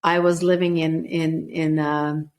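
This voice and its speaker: A woman from Sweden, an author of 40 or older, shares her life story on a podcast with earnest thoughtfulness and many restarts. She has a deep, slightly mellow voice, delivered flatly and a little slowly. The talk is reflective and personal.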